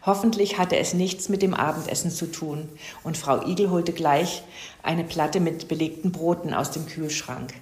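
Woman storyteller, lower voice, roomy echo, calm children's story read. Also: moderate pace.

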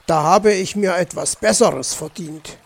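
A man's voice: sits high, a little slow, gravelly, slight background noise. A man voicing a grumbling stingy fox uncle. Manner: grumbling, indignant. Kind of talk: children's audiobook.

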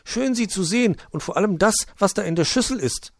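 Man playing a little blue bird, eager, sporty, high-pitched, dry sound. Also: expressive, brisk, no room sound. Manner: cheerful, eager.

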